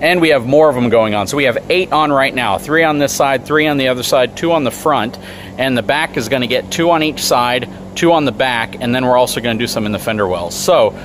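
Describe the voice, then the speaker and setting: A man hosting a vlog, upbeat and explaining a trailer project to viewers in a large RV service shop. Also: medium pitch. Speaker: channel host. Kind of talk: casual vlog walkthrough. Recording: noisy shop background.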